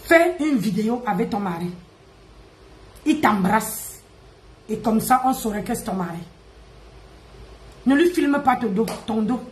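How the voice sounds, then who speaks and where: A woman, ranting and mocking on a live stream, loud, laughing and teasing. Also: fairly high pitch, lively intonation, measured pace, pauses often. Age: 50s. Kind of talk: Facebook live rant. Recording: echoey room.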